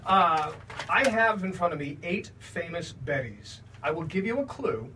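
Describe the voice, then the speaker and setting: A man from Georgia hosting a radio show, tossing out jokey game-show patter in a slightly high, bright voice. He sounds a little back from the studio mic, with faint hiss behind. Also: lively intonation, unhurried, distant mic, rough recording. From Georgia, USA. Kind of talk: playful radio interview.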